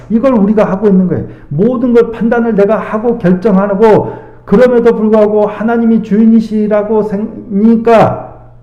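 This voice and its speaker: A male pastor giving a midweek sermon, earnest, asking rhetorical questions and reading scripture slowly. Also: high-pitched. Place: church sanctuary. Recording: echoey church hall, dull lo-fi sound.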